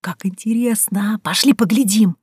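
A woman voicing an excitable, curious female friend in an audiobook, speaking in eager exclamations. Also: on the low side, fairly quick, breathy edge, no room sound, clean studio sound. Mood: excited. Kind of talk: audiobook character voice.

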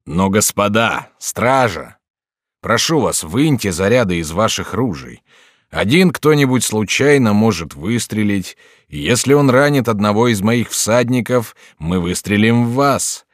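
Man reading polite French officer, calm, dryly ironic, deep low voice, dry close sound. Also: unhurried, no echo. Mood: composed, courteous.

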